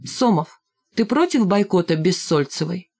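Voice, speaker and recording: A woman's voice: fairly low pitch, animated, moderate pace, darkish tone. Cold bossy schoolgirl giving orders, short and curt, woman reader voicing. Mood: commanding. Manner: curt, commanding. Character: cold commanding schoolgirl ringleader.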